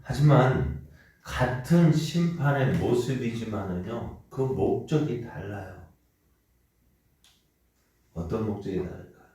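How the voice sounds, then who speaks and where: A man's voice: on the low side, expressive, slow pace, long pauses. A man pastor giving an early morning sermon in a conversational way, often asking the congregation questions. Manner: acts out quoted parents with shouted lines. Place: church sanctuary. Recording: very echoey room, mic at a distance.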